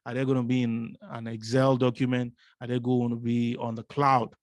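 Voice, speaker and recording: A man's voice: medium pitch, monotone, moderate pace, dry recording, studio quality. Man lecturing with frequent "right?" checks. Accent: non-American English. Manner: repeats "right?" often, asks rhetorical questions. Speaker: business analysis instructor. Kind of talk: explanatory course lecture.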